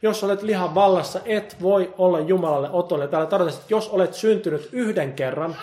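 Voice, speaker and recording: A man preaching with a voice pitched a little above most men's. He swings from loud, pressing emphasis to hushed, intense appeals. He voices God's words in the first person as he goes. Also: slight background noise. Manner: quotes God in first person. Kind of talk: sermon.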